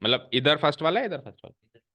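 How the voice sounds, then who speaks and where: A man in his forties teaches a grammar class, lecturing and scolding his students with rhetorical questions while mixing English phrases into his Hindi. His voice is fairly high, very animated, quick, pushed and bright.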